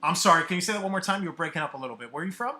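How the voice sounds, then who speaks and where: A man's voice: high-pitched, expressive, very fast, sharp tone. A man hosting a live online music competition over a video call, introducing judges and artists with an upbeat announcer delivery. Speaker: host.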